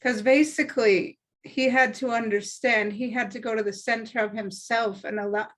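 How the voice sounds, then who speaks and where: A woman's voice: fairly high pitch, fairly even intonation, normal speed, a bit bright. A woman in her thirties hosting a casual video-call chat, earnest and often giggling as she teases. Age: 30s. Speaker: club owner and discussion host.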